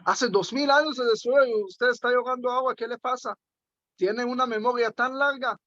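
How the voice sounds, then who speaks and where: A man's voice: high-pitched, moderate pace, fairly bright tone, no room sound, lo-fi sound. A man voicing a simple, worldly peasant farmer in a told story, with a blunt, down-to-earth manner.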